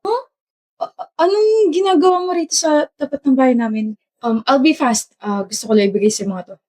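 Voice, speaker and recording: A woman's voice: sits high, brisk, darkish tone. Woman in playful skit banter. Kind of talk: acted romantic comedy skit.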